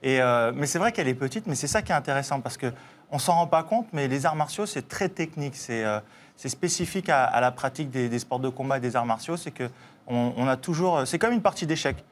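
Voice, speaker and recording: A man's voice: mid-range voice, expressive, a little fast. A man, a martial arts coach on a TV show, explaining things earnestly.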